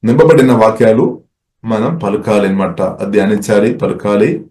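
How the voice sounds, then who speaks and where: Guy preaching a sermon, low voice, keeps repeating lines and saying hallelujah, echoey room. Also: steady tone, moderate pace, mellow. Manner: repetitive preaching cadence with Hallelujahs and English words mixed in.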